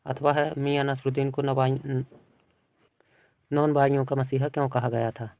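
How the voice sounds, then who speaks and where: A male teacher working through an exam paper, reading each question aloud and then giving its answer in a plain, steady way. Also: medium pitch, moderate pace, no room sound. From India.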